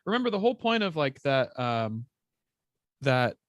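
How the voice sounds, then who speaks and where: A man's voice: mid-range voice, sing-song, normal speed, no echo, muffled recording. A man joining a casual TV review chat, wry and explanatory, making his points with dry humor. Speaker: co-host guest.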